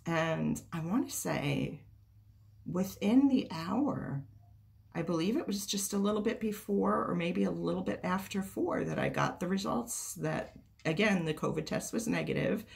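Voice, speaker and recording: A woman vlogger with a deep voice chats casually to camera, rasping and hoarse from a cold. She rambles along and swears freely.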